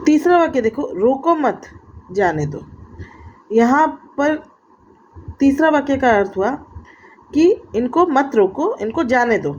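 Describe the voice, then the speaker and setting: A woman explaining a grammar lesson, slow and deliberate, pausing mid-sentence and restarting with fillers. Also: high-pitched, animated, darkish tone. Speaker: grammar teacher. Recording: dull lo-fi audio with faint background noise.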